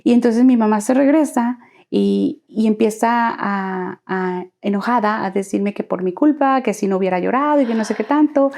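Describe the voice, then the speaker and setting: A woman's voice: medium pitch, moderate pace, darkish tone. A woman recounting her life story as an interview guest, earnestly acting out quoted dialogue.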